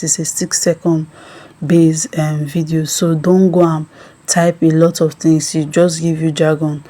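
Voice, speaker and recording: Tutorial host: woman, deep and even-toned, explains each step with ums. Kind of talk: screen-recorded app tutorial.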